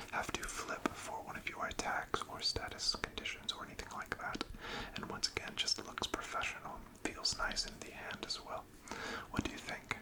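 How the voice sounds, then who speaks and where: A whispered role-play in a breathy, unvoiced whisper, as a gentle, attentive shop assistant encouraging a customer. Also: low-quality recording. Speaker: ASMR performer playing a card shop assistant.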